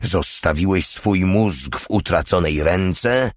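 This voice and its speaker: A man's voice: low voice, slow, no echo, clean studio sound. A man reading the lines of a crude, short-tempered soldier who mocks and swears at his comrades. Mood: mocking, angry. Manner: coarse, mocking, swearing.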